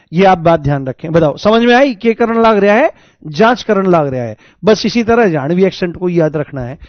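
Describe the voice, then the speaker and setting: A male law teacher gives an exam coaching lecture, drilling key terms over and over and joking with his students. His voice is on the high side, with no echo and lo-fi sound.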